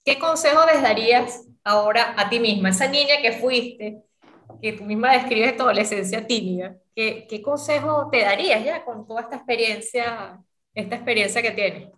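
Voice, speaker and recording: A woman's voice: fairly high pitch, moderate pace, fairly bright tone, reverberant. A woman hosting an interview, asking long questions and thanking her guest with effusive praise.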